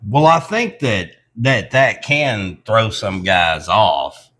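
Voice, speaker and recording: A man with a somewhat low voice and a sharp, bright tone chats as a co-host. He speaks haltingly, clears his throat often and leans on "you know" as he works out what he means. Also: expressive, slight background noise. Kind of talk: casual chat.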